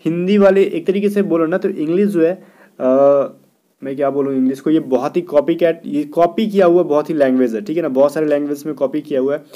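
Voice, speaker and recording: Hindi-speaking male grammar teacher, mellow voice. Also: on the high side, steady tone. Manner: explains in Hindi, reads English sentences slowly; keeps asking "theek hai na" and "kya bhai". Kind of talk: exam-prep grammar lesson.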